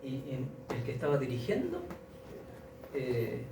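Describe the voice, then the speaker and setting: A man preaching and retelling a story, circling back over his words with halting restarts. He stands well away from the mic, and the room rings with echo. Steady background ambience runs beneath him throughout. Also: mid-range voice, heavy background noise. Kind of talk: sermon storytelling. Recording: echoey room, distant mic, audible ambience.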